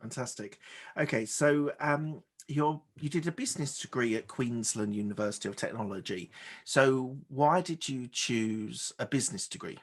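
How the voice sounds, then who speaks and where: A man hosts a business interview podcast, speaking at medium pitch and a moderate pace. He asks questions with many hesitations and repeats words often.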